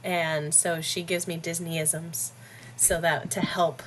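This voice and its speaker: A woman's voice: low-pitched, little pitch movement, slow pace, fairly bright tone, a little hiss or hum. A woman in a casual interview, blunt and joking, laughing often as she talks about running her own business. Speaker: podcast guest, business owner.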